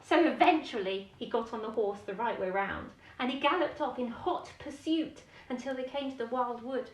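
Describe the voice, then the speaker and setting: A fairly high-pitched female storyteller reads a children's picture book at a moderate pace, expressively, mixing in chatty explanations and questions for young listeners at bedtime. The recording is echoey, from a distant microphone.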